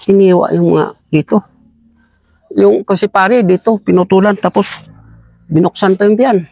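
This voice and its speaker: Gravelly, high-voiced man testifying earnestly. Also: fairly even intonation, moderate pace, a little mellow, no room sound. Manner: earnest, addresses interviewer as sir repeatedly; angry and emphatic when recounting abuses. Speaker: interviewee, militia member. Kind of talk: conversational testimony.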